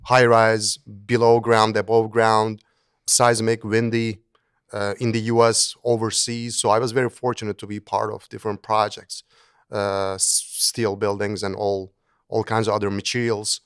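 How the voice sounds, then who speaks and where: A man's voice: fairly low pitch, little pitch movement, moderate pace, fairly bright tone, clear, resonant tone, dry recording, clean studio sound. A middle-aged man from Turkey, speaking as an interview guest in an earnest way, often restarting and repeating words. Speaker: guest, engineering professor. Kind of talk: conversational interview.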